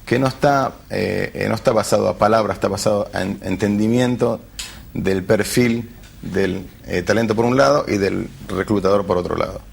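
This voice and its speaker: A low-voiced man, very gravelly and creaky in tone. He is a company founder in a TV studio interview, pausing and restarting as he looks for words. Faint ambience sits behind him. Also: a little hiss or hum. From Argentina. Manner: hesitant, searching for words, many restarts. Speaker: tech company founder guest. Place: television studio.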